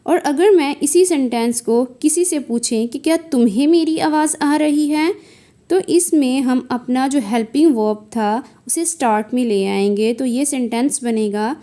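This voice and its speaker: Woman, English teacher, unhurried delivery, warm soft tone, slightly high voice. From South Asia. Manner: reads example sentences slowly and clearly. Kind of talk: spoken English lesson.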